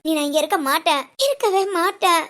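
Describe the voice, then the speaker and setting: A woman's voice: extremely high pitch, a little fast, fairly bright tone. A woman voicing a heartbroken older woman in an ashram, speaking in a tearful, reproachful monologue. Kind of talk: audio story monologue.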